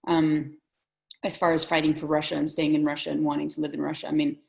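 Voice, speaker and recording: A woman's voice: low voice, monotone, quick pace, gravelly, low-quality recording. A woman from the Soviet Union in a casual film discussion, talking thoughtfully and hedging her opinions. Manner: thoughtful, hedging, restarts often. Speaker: discussion guest.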